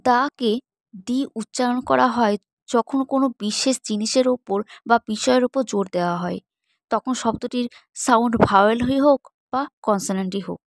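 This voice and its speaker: A woman teacher with a Bengali accent giving a grammar lesson, reading example sentences slowly and deliberately, then explaining them more quickly. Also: fairly high pitch, dry recording, poor audio. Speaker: English teacher. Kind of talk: slow, measured grammar lesson.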